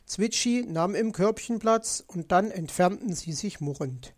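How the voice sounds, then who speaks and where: A narrator reading a children's storybook aloud in a lively way. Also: medium pitch, measured pace. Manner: lively, many voices.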